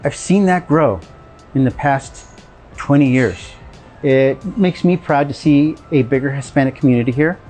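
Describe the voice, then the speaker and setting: A man's voice: mid-range voice, normal speed, a little mellow, soft background music. A man from a test facility, speaking steadily and proudly in a scripted video message.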